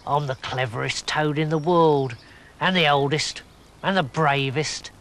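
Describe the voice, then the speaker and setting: A man voicing a boastful, bossy female toad in a storybook, speaking slowly with rough grammar. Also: a bit bright, a little hiss or hum. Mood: know-it-all. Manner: slow, low and drawling, rough grammar.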